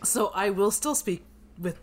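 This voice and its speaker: A woman co-hosting a podcast in casual chat, relaxed and hedging, thinking aloud with frequent "um"s. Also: medium pitch, measured pace. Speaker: podcast co-host. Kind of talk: casual show recap chat.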